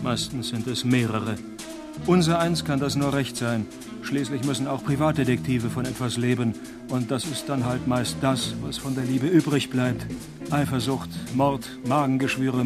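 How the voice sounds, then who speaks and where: Actor playing a deadpan noir private detective. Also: male voice, mid-range voice, close to an everyday voice. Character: cynical, wisecracking male noir private detective. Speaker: narrator and lead actor of a detective radio play. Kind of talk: noir detective parody radio drama, first-person narration.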